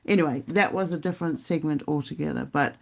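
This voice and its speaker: This podcast co-host talks fast in a gravelly, mid-range voice, rambling and reflecting casually on spiritual matters with plenty of fillers.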